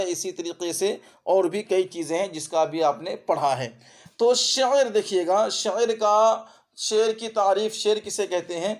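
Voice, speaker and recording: A man teaching an exam-prep Urdu grammar lesson with an Urdu accent as spoken in India, repeating terms and asking his students quick checking questions. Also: high voice, darkish tone.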